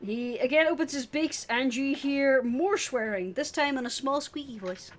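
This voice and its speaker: A woman with a fairly high voice runs an online tabletop game as game master. She reads rules aloud and calls turns in a calm way. Faint music plays underneath. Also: moderate pace.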